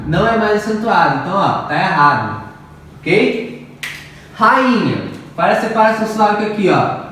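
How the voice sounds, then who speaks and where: A man's voice: high voice, big pitch swings, moderate pace, fairly bright tone. A man teaching a grammar lesson, working through exercises patiently, repeating the rules and checking in with his students often. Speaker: Portuguese teacher. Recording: echoey room, from far off, faint noise.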